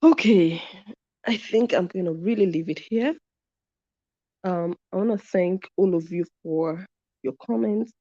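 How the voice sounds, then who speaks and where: A woman's fairly low, dark voice moves unhurriedly through a live commentary stream, pausing often as she reads viewer comments and repeats her points to stress them. She's the channel's host, and the recording is dull and lo-fi with no room sound.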